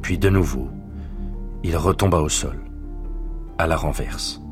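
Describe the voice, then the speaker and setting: A man reading a literary narration in a measured, solemn way. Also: a bass voice, over music.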